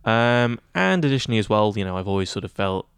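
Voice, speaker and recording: A man's voice: fairly low pitch, sing-song, quick pace, gravelly, a bit bright, smooth, no room sound, studio quality. A young man, a guest on a student podcast, talking casually and rambling with many fillers and restarts. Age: young adult. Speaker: guest, student head of news. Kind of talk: casual interview chat.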